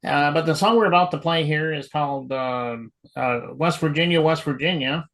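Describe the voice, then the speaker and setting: A man's voice: on the high side, moderate pace, fairly bright tone, low-quality recording. A man hosting an interview show in an easygoing way, with lots of fillers. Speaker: show host.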